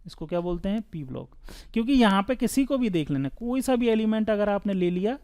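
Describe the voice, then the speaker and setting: A man's voice: sits high, very animated, a little fast, a little mellow, clear, resonant tone. A man teaching chemistry at a board in a casual, chatty way, asking the class questions and answering them himself. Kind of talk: board lesson.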